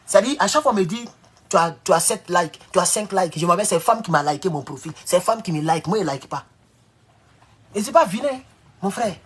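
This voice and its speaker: A man speaks to his stream viewers in a brisk, animated, slightly rough voice, rambling casually and veering between loud, high outbursts and low mutters.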